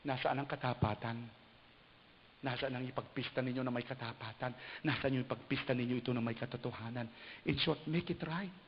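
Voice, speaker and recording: Man preaching in a reverberant church hall. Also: a little fast. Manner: animated preaching, acts out quoted people in high voices. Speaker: bishop. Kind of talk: sermon. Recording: hissy dull recording with long hall reverb.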